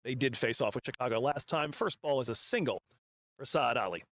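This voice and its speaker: A man's voice: mid-range voice, lively intonation, fairly quick, fairly bright tone, dry recording, studio quality. A man calling cricket play-by-play, reading out stats with frequent "uh" fillers. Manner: calls the action, quotes stats, frequent fillers. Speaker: cricket commentator. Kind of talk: live play-by-play commentary.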